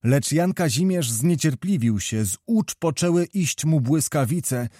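A man's voice: fairly high pitch, dry recording, clean studio sound. Man reading a historical novel. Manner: measured, expressive storytelling. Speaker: audiobook narrator.

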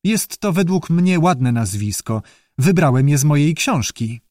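A man's voice: on the high side, lively intonation, measured pace, a little mellow, dry recording, clean studio sound, pitched above the performer's own voice. A man doing a polite, naive newt. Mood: polite, earnest. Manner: courteous, formal, eager. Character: polite, bookish male newt, earnest and naive. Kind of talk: audiobook character voice.

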